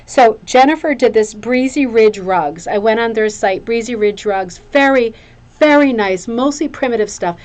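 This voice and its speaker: A woman's voice: on the high side, normal speed, a little mellow. Chatty, effusive woman hosting a craft show. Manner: effusive, gushing over items, repeats phrases for emphasis. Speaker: craft show host presenting viewers' hooked rugs. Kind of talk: casual chatty show-and-tell.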